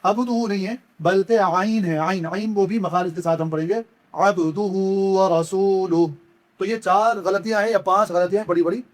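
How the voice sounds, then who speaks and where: A man teaching correct pronunciation in a religious lesson. He explains each mistake patiently and repetitively, then chants the words slowly and stretches them out. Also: high voice. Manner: corrects errors, then demonstrates slow, drawn-out chanted recitation. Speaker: Quran recitation teacher.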